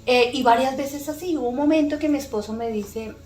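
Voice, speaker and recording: A woman's voice: high voice, a little mellow. Middle-aged woman telling an emotional testimony. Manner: earnest, emotional storytelling with many pauses and fillers. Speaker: podcast guest. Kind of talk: personal faith testimony. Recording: echoey room with faint music.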